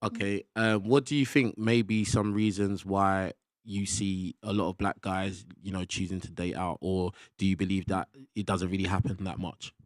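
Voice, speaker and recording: A man's voice: deep voice, little pitch movement, moderate pace, few pauses, no room sound, clean studio sound. Chatty man hosting a podcast panel. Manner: chatty, tags sentences with "yeah?". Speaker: podcast host. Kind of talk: casual panel discussion.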